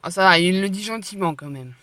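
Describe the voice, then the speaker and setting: A chatty woman streamer reads a visual novel aloud and breaks off to laugh and react. Her voice is bright and forward. The recording is close and dry. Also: on the low side, a little fast, no echo. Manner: chatty, laughs often, comments between lines.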